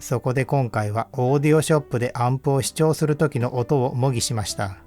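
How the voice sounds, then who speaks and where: Faint background music accompanies a male audio equipment reviewer as he reads a technical walkthrough from a script. He sounds calm and measured, explaining things clearly in a mid-range voice.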